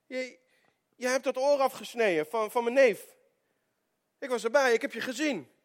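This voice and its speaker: A man's voice: very high voice, moderate pace, pitched above the performer's own voice. A preacher voicing a bystander, a grown man pointedly accusing someone he recognizes. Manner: insistent, pointed.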